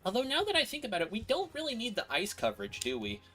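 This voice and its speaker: A man live-streaming a video game, chatting excitably with his viewers as he plays. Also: high voice, quick pace, soft background music. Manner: excitable, chatty, talks to viewers while playing. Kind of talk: live-stream gameplay commentary.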